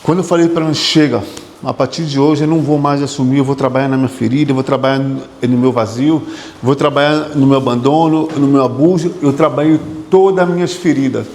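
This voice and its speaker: A man's voice: mid-range voice, fairly even intonation, fairly quick, a little mellow. A man, a psychotherapist, giving an emphatic motivational talk to an audience, repeating phrases and putting questions to the room. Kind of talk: motivational lecture. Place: hall with an audience. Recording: echoey hall with long reverb.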